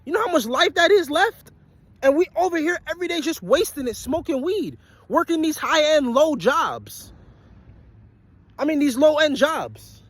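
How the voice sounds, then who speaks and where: Young man in his twenties, very high voice, blunt and profane, repeats himself, sweaty after a long shift. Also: sing-song, normal speed, dry recording. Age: 20s. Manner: blunt, profane and repetitive, hammering points home. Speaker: vlogger and aspiring musician. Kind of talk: motivational rant to camera.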